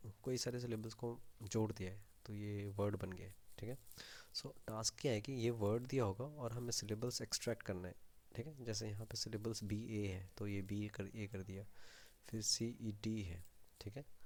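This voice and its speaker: A man's voice: fairly low pitch, a little mellow. A man explaining a programming problem aloud, mixing Hindi and English with frequent fillers. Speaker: programming tutor. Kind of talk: screen-share coding explanation.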